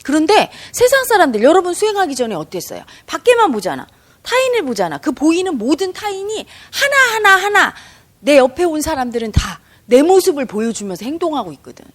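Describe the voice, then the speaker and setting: A woman's voice: high voice, big pitch swings, brisk. A woman giving an emphatic, conversational spiritual lecture as a meditation teacher, often turning to her listeners with direct questions.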